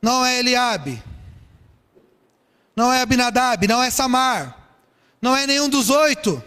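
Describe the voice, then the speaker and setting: High-voiced preacher in a reverberant hall. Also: male voice, measured pace, clear, resonant tone. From São Paulo, Brazil. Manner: lively storytelling preaching with rhetorical questions. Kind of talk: sermon.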